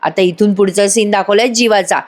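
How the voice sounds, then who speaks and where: A woman's voice: medium pitch, moderate pace. A woman narrating a voice-over recap of a TV serial episode in a chatty storytelling manner, talking to her listeners.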